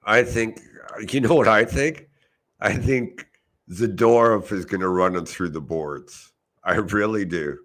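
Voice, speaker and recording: A man's voice: fairly low pitch, a little slow, a bit bright. A man co-hosting a hockey podcast, giving blunt, dry opinions in casual chat. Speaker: podcast co-host.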